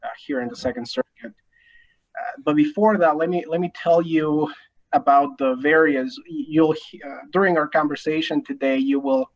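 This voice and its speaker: A man's voice: fairly high pitch, muffled recording. A man in his thirties, a native Spanish speaker from Mexico with a Mexican Spanish accent, introducing himself in a friendly way as a panelist, with frequent restarts. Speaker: attorney, panelist.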